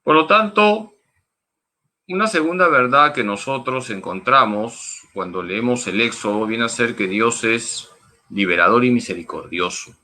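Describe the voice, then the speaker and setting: Bright-voiced priest teaching slowly. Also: male voice, mid-range voice. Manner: emphatic and didactic, repeats key points. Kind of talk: Bible teaching talk.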